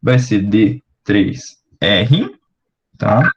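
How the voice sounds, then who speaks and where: A young Brazilian man working through an exercise for students, slowly and step by step, checking in with the class often. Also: on the low side, expressive, breathy edge, lo-fi sound. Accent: Brazilian Portuguese. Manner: slow, step-by-step, with many fillers and check-ins. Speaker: teaching assistant. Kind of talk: explaining exercises at a board.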